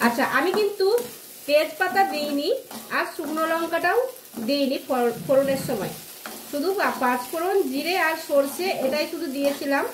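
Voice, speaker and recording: Lady chatting while she cooks at home, high voice, keeps asking "all right?", roomy sound. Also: moderate pace, background noise. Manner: chatty, often asks "all right?" to viewers. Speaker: home cooking vlogger. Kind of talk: casual home vlog chat. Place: home kitchen.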